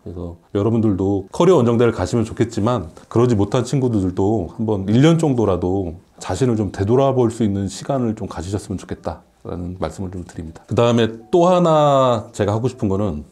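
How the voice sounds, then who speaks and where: A man's voice: lowish voice, animated, fast talker, hardly any pauses, mellow. A man in his late forties, a professor chatting candidly and conversationally as a guest answering questions on a casual radio show. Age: late 40s.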